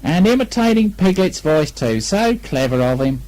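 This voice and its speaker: A man's voice: a little high, big pitch swings, normal speed, darkish tone, voice pushed up, rough recording. Man reading as a cheerful, firm mother kangaroo: lilting, raised storybook voice. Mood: motherly. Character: brisk motherly female kangaroo.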